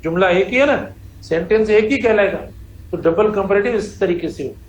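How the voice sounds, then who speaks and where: A man's voice: sits high, normal speed, echoey room, slight background noise, poor audio. A man teaching English grammar in a classroom lecture, drawing out example sentences word by word and calling students "beta". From Pakistan.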